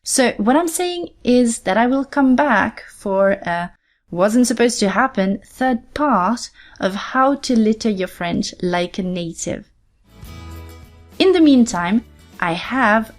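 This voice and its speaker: A higher-voiced woman teaching on a podcast. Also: animated, soft background music. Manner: explains step by step, repeating example phrases slowly. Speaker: French teacher and podcast host. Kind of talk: podcast language lesson.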